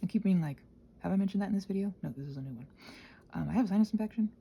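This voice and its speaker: Racing along in a medium-pitched voice that's creaky, mellow and slightly rough, a woman hosts a solo rambling audio channel. Her casual, unscripted talk is scattered and self-deprecating, often trailing away, and a sinus infection leaves her sounding tired and congested.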